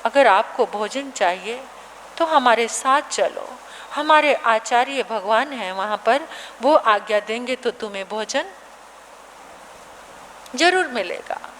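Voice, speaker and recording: A calm older monk speaks gently but firmly in soft, measured words, as a woman preacher puts him on. He talks slowly. A long echo of the hall surrounds the voice, with a faint hum behind it. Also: on the high side, voice pushed down. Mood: gentle. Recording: reverberant hall, faint background noise.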